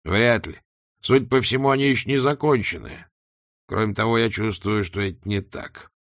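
Guy doing a low calm old zombie wizard, dry and a bit ironic, storybook reading. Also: normal speed, no echo, lightly acted. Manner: calm, matter-of-fact, gently ironic.

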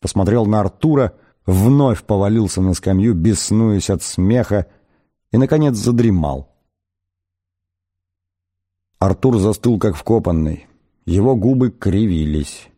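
A man narrating a comic novel in a measured, expressive storytelling style. His voice sits low with a warm, mellow, relaxed timbre. Even, clear audiobook reading. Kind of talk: scripted narration.

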